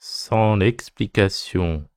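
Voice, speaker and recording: Male teacher dictating: lowish voice, very slow phrase-by-phrase delivery, punctuation read out. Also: smooth, no echo, clean studio sound. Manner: dictating slowly phrase by phrase, punctuation spoken aloud. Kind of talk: dictation reading, repeated short phrases.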